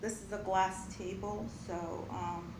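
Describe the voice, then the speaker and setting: A woman's voice: medium pitch, fairly even intonation, slow pace, echoey room, background noise. A woman chatting casually in a vlog while eating, earnest and rambling, sometimes talking with her mouth full. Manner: earnest, rambling, spiritual musing. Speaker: mukbang vlogger. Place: home, at a glass table.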